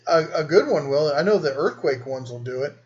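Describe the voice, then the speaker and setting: A man's voice: on the high side, expressive, brisk, a little mellow, muffled recording. A man hosting a casual live stream, reading and answering viewer comments in a rambling, easygoing way. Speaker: host.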